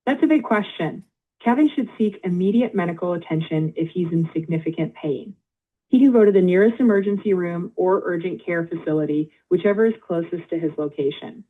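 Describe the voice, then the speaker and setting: A woman's automated phone voice acting as an intake agent, polite and measured, reading back details in scripted prompts. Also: fairly low pitch. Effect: automated phone-line voice. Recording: tinny phone line.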